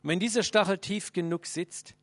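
A man preaching a sermon, speaking earnestly and directly to his listeners, swinging between loud and hushed. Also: high voice, moderate pace, no echo.

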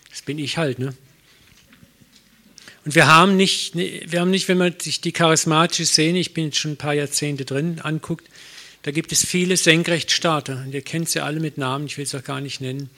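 Middle-aged pastor guy preaching, telling funny stories on himself, bright slightly high voice. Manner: conversational, anecdotal, self-deprecating humor. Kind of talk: sermon.

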